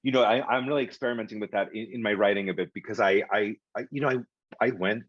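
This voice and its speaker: A man's voice: fairly low pitch, fast talker, breathy edge, no room sound, lo-fi sound. A middle-aged man telling stories as an interview guest, rambling with lots of fillers and restarts. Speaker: guest, publishing executive. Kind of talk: casual storytelling in an interview.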